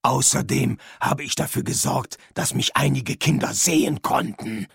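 An actor playing Death, a solemn skeletal figure, in a radio play, with a slow, grave, husky voice. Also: male voice, mid-range voice, no echo, exaggerated voice. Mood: proud. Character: Death, a skeletal solemn male being posing as Hogfather. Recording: dry studio recording.

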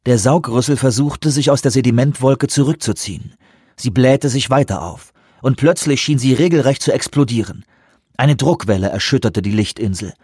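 A man narrating an audiobook in a measured, even way. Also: medium pitch, husky, no room sound, clean studio sound. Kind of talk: scripted narration.

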